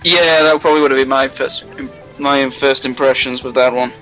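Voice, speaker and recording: A man's voice: medium pitch, fairly even intonation, brisk, pushed and bright, faint music behind, rough recording. A British man co-hosting a fan Q&A, reading out questions and adding short, dry quips. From Britain. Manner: dry, brief interjections, reads questions out. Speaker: co-host of a fan series Q&A. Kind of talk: casual Q&A chat.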